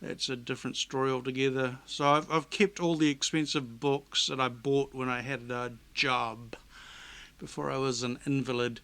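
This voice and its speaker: A man's voice: mid-range voice, fairly even intonation, normal speed, gravelly, sharp tone. A man vlogging casual commentary on Bible texts, sarcastic and rambling, often correcting himself mid-sentence. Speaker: YouTube vlogger.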